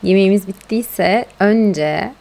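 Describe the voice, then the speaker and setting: A woman's voice: medium pitch, takes it slowly, vocal fry, dark tone. A woman streamer chatting casually while playing a game, exclaiming and cooing at her pets and talking to viewers. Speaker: gaming streamer. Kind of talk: casual live-stream gameplay chat.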